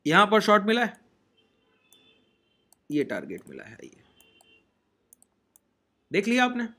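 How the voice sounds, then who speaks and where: A man teaches a trading lesson over a screen share. His voice sits high and sounds bright and forceful. He walks through each step and keeps checking in with his listeners. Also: wildly swooping pitch, slow.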